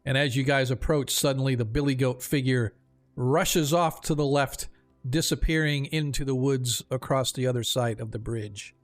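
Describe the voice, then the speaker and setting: A man running a tabletop fantasy game as game master, improvising descriptive narration in a halting way. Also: mid-range voice, faint music behind.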